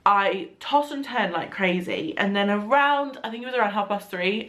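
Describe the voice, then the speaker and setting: A young vlogger talks to her compact camera in a fairly low-pitched, fairly bright voice made nasal and blocked by congestion. She rambles chattily and laughs from time to time.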